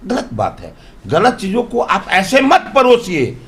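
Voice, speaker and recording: A male politician speaks in a high voice that swings widely. He argues emphatically and drives his points home with rhetorical questions. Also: huge pitch swings, a little slow, a bit bright. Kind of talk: interview answers.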